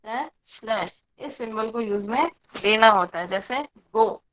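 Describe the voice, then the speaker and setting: A woman's voice: fairly high pitch, measured pace, fairly bright tone. A woman teacher giving an online class lecture, patiently explaining and checking in with her students.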